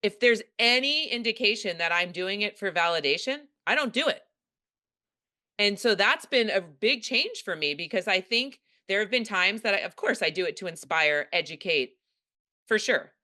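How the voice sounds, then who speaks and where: A woman's voice: medium pitch, animated, moderate pace, pushed and bright. A middle-aged woman with a New York accent, hosting a podcast and talking frankly and bluntly. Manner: frank, blunt, swears casually. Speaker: podcast host. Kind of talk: casual conversation.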